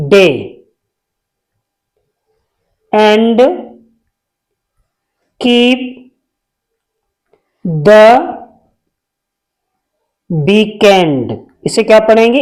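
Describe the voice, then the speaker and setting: A man's voice: sits high, a little mellow. A man teaching an English reading lesson, reading one word at a time and asking how each word is pronounced. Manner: reads each word separately and asks the learner how to pronounce it.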